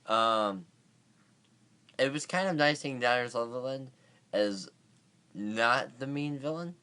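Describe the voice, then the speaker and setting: A tired man chatting through a casual vlog movie review. He rambles, leans on fillers and restarts himself often. His pitch sits in the ordinary middle for a man. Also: expressive, takes it slowly, bright, forceful tone, smooth.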